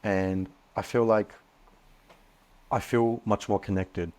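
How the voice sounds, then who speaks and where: A young man speaking as a podcast guest, earnest and animated, often restarting his sentences. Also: lowish voice, slow. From Australia. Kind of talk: casual podcast interview.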